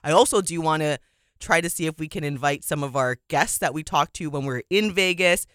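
A woman co-hosting a sports talk show in casual chat, chatty and quick to laugh, her pitch jumping up when excited. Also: dry recording, clean studio sound. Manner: chatty, laughs often, animated swings in pitch.

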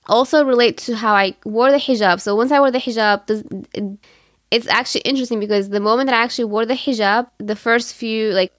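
A Syrian woman in her thirties hosts a podcast and tells her own story in a personal monologue, earnest and reflective, with many fillers. Her voice is fairly high and fairly bright, recorded with clean studio sound and no echo.

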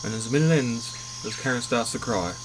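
A man reading a minute-by-minute film recap in a steady, matter-of-fact way. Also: medium pitch, fast talker, background noise. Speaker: podcast narrator. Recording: crickets chirping behind. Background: crickets and insects.

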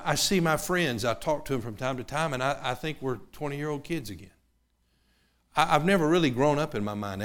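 A man in his fifties preaches a sermon in a mid-range voice. His delivery swings between loud, fervent preaching and quiet personal asides.

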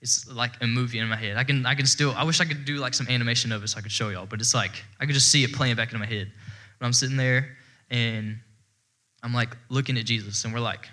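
A man's voice: mid-range voice, fairly even intonation, fast talker, pushed and bright. Heartfelt young man testifying. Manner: rambling and heartfelt, heavy with fillers, breaks into laughter. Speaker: church speaker giving testimony. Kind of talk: personal testimony to a congregation.

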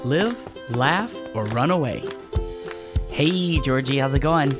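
A man's voice: mid-range voice, animated, unhurried, over loud music. A man co-hosting a casual relationship podcast, rambling and jokey, laughing between phrases. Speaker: podcast co-host.

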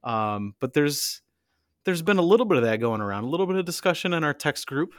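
A man's voice: a little high, big pitch swings, fairly quick, no room sound, studio quality. An American man co-hosting a casual podcast, chiming in laid-back. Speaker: podcast co-host. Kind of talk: casual chat.

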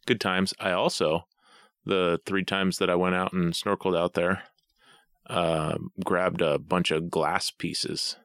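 A man co-hosting a podcast in a casual chat, rambling through long, drawn-out stories. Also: low voice, flat delivery, a bit bright, dry recording, clean studio sound. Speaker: podcast co-host. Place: home basement studio.

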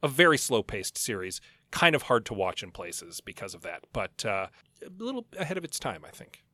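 Bright-voiced, wry man podcaster. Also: lowish voice, sing-song, normal speed, no room sound. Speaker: podcast co-host. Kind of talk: casual book discussion.

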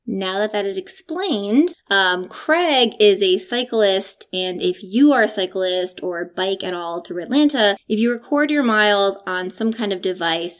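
A woman with a New York accent hosts a history podcast in a casual, enthusiastic way. She talks at a mid pitch, easygoing and friendly. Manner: chatty and enthusiastic, with laughs and fillers. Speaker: podcast host and tour guide.

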